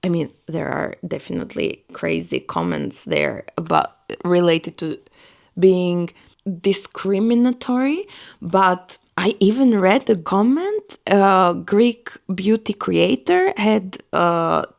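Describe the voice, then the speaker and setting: Her voice on the low side, creaky and very animated, an Albanian woman talks slowly through a reflective vlog monologue. She's a native Albanian speaker who searches for her words while speaking earnestly.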